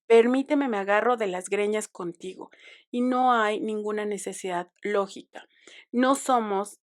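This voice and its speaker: A young Mexican woman hosting a podcast, telling a story in a chatty, digressive way with ironic asides. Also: mid-range voice. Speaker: podcast host. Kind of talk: casual monologue.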